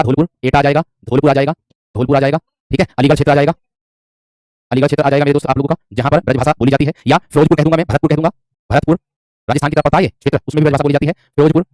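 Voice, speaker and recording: Male Hindi teacher, rapid-fire delivery, dry close sound, repeats and quizzes. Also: fairly high pitch, darkish tone, no echo. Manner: repetitive, quizzing, calls students "my friend". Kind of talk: online class lecture.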